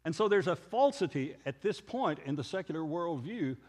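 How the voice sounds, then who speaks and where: A man delivers a sermon-style lecture in a conversational, storytelling way, pausing on rhetorical questions. His voice sits fairly high and moves through a wide, animated pitch range. The sound carries a long reverb, as if recorded in a large hall. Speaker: preacher.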